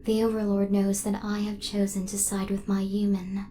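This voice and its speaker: Taking the role of a devoted, protective female hunter robot, a woman speaks gently for ASMR in formal, exact, robotic phrasing. She keeps a monotone at mid pitch and normal speed, her natural voice carrying a slight hiss or hum.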